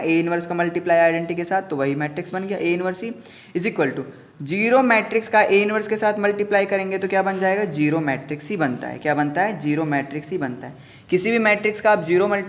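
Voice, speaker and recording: A man with an Indian accent teaching a math lesson, mixing in English terms and working through each step by asking and answering his own questions. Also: high-pitched.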